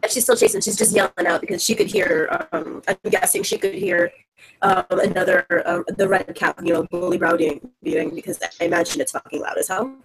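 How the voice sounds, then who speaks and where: A woman's voice: medium pitch, very animated, brisk, gravelly, slightly rough, low-quality recording. A woman playing a tabletop game, talking loosely and playfully with some swearing. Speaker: player.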